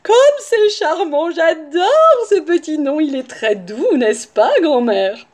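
A high, wavering male wolf from a children's storybook, whimpering and sniffling as a woman reads him aloud. He sounds put-upon and fed up, then turns syrupy sweet. The voice climbs well above a normal speaking voice. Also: lively intonation, slow, a little mellow. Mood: sugary sweet. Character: whiny sobbing male wolf, mocked and fed up.

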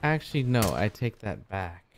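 Man, gaming streamer, casual play-by-play, jokey, swears under his breath, fairly low voice. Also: very animated, normal speed, heavy background noise. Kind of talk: casual live gameplay commentary. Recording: game gunfire loud behind voice. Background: gunfire from the game.

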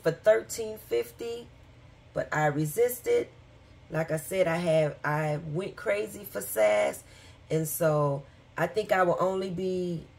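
A woman's voice: fairly low pitch, creaky. A woman vlogger talking casually and rambling with fillers and asides, who has the hiccups. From Michigan, USA. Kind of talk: casual chat.

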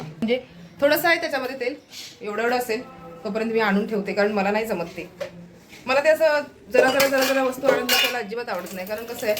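A woman's voice: medium pitch, a little hiss or hum. A young woman chatting to viewers in a casual home vlog, showing her chores. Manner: chatty, addressing viewers directly. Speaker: vlogger.

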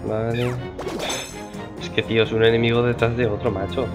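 A man's voice: medium pitch, moderate pace. Man muttering over gameplay. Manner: relaxed muttering to himself. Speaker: gameplay streamer. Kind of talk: casual game commentary. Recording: game music over voice.

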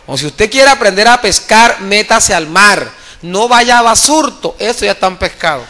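A male evangelist preaching a sermon at a church convention, impassioned, calling for applause and swinging between loud and soft. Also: sits high.

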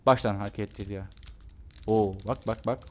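A man's voice: on the low side, steady tone, fairly quick, warm tone. A man giving casual, joking let's-play commentary, chatting and teasing the game characters as he plays. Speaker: gameplay commentator.

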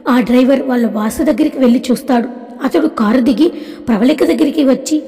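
A woman narrating an audiobook story in a steady, plain storytelling way. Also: high voice, fairly quick, long reverb tail.

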